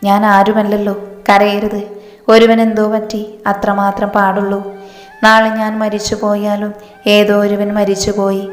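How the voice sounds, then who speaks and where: A woman's voice: mid-range voice, monotone, measured pace, lightly acted. A woman voicing a stubborn, teasing young man who presses with insistent questions, in a storybook reading. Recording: roomy reverb with faint music.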